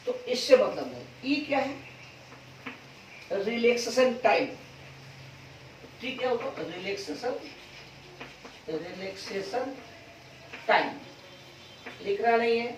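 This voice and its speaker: A man teaching a physics class, repeating key terms slowly and quizzing students with call-and-response questions. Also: high-pitched, a little hiss or hum. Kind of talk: classroom lecture. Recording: echoey, distant, dull classroom recording.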